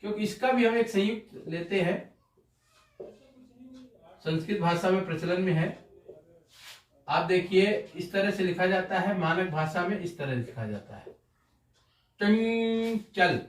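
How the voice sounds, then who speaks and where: A male Hindi teacher giving a classroom-style pronunciation lesson, slowly drilling syllables one by one. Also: high voice. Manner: slow, deliberate syllable-by-syllable drilling. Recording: roomy, distant mic.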